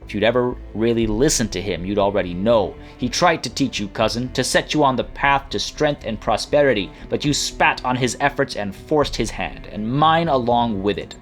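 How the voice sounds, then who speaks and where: A man's voice: medium pitch, moderate pace, hardly any pauses, lightly acted. A man voicing a cruel young noblewoman villain from a video game, with menacing, grandiose, sneering delivery. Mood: haughty. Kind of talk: video game dialogue read aloud. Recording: music playing behind.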